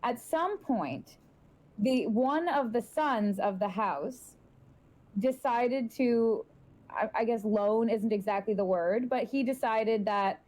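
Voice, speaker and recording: A woman's voice: a little high, takes it slowly, darkish tone, rough recording. A woman running a tabletop horror game as game master, narrating and reading out found texts with frequent hesitations. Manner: hesitant, many ums and restarts.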